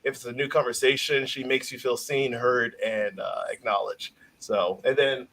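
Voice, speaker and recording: Man from Chicago, mid-pitch guest, earnest, halting. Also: steady tone, fairly bright tone, rough recording. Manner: earnest, halting with fillers and restarts. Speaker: guest business owner. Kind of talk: casual interview chat.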